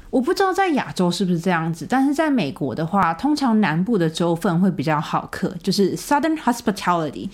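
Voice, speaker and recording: A woman hosting a podcast, telling a story in a chatty, casual monologue with many fillers. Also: on the low side. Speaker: podcast host.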